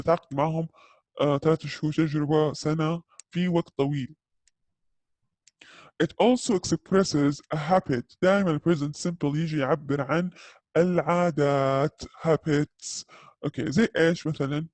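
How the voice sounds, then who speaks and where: A male teacher walks through a grammar lesson with a slightly high voice. He says each English example slowly and clearly and keeps checking that his listeners follow. The sound is dry and close. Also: darkish tone, dry recording. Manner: slow, carefully spelled-out English examples. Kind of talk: grammar lesson explained in Arabic.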